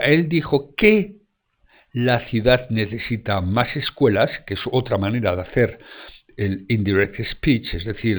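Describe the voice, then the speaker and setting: A man teaching German grammar in Spanish, explaining step by step and checking in often with the class. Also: medium pitch. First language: French.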